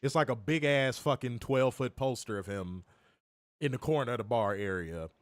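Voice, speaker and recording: A young male co-host of a wrestling review stream talks straight to viewers from his home in Chicago, hoarse as he recovers from illness. His mid-pitched voice moves at a moderate pace, profane and joking, in casual live-stream chat. The close mic gives a dry recording.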